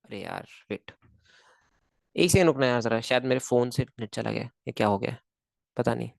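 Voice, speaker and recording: A man's voice: mid-range voice, expressive, moderate pace, vocal fry, no room sound, studio quality. A man teaching a live online physics class, chatting to his students and muttering to himself while he draws.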